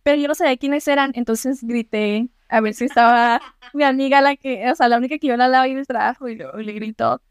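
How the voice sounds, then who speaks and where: A young Mexican woman co-hosting a podcast, telling a story in casual, slangy, animated chat. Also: a little high, quick pace, clean tone, dry recording, clean studio sound. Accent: Mexican Spanish. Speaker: podcast co-host.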